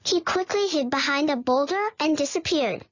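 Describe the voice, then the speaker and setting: A woman narrating a children's storybook in the first person, reading out even the sound words plainly. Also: high voice, normal speed, muffled recording.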